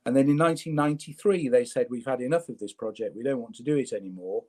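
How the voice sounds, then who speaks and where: A man's voice: mid-range voice, fast talker, mellow. A man from Leeds, a guest entrepreneur, telling his career story in a wry, self-deprecating way with stammering repeats. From Leeds, England. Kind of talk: conversational storytelling.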